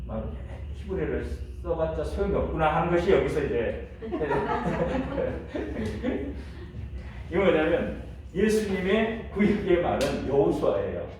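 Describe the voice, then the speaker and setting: Slow and sing-song, a middle-aged man with a high, slightly mellow voice teaches church history as a pastor. He keeps it chatty, asking the class questions and occasionally laughing. A distant mic in an echoey room picks him up along with faint hiss.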